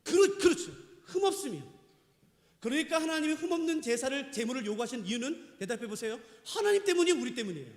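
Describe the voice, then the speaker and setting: A man's voice: very high-pitched, very animated, fast talker. A middle-aged male pastor preaching a sermon, emphatic and questioning the congregation. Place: church sanctuary. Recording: echoey church hall.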